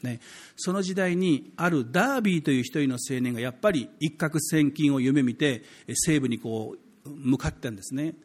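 A man's voice: fairly high pitch, moderate pace, breathy edge. A man preaching a sermon as a pastor, talking conversationally to the congregation, with emphatic swells.

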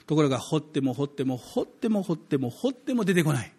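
A man's voice: on the high side, sing-song, fast, warm tone, husky. A man preaching a sermon as a pastor, talking conversationally to the congregation, with emphatic swells.

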